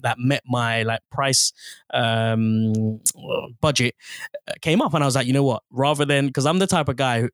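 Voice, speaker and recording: A man's voice: mid-range voice, moderate pace, a bit bright, dry recording, studio quality. Chatty man hosting a podcast. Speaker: podcast host. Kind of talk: casual podcast chat.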